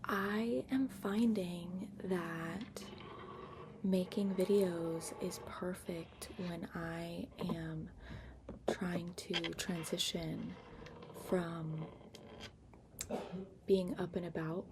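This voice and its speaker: A woman rambles softly in ASMR style, mostly whispering and now and then soft-spoken. Her voice has a noticeable creaky fry and moves along without hurry. She is close to a laptop microphone, in a lo-fi recording with clear background noise. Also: fairly low pitch, steady tone. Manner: hushed, unhurried whispering with occasional soft voice. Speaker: ASMR vlogger. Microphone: built-in laptop microphone, up close. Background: tapping and keyboard-like scratching sounds.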